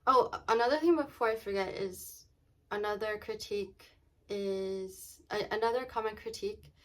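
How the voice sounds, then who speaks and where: A woman chatting casually in a vlog, often saying "like" and "um" and pausing to think aloud. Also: mid-range voice. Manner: says "like" and "um" very often as filler; halting, thinking aloud, trailing off mid-sentence. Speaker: vlogger.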